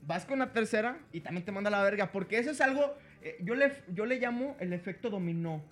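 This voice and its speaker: Young Mexican guy, high-pitched, crude slangy storyteller for comedy podcast banter. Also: expressive, fast talker, fairly bright tone, soft background music. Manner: crude, slangy, laughs at his own stories. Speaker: podcast co-host.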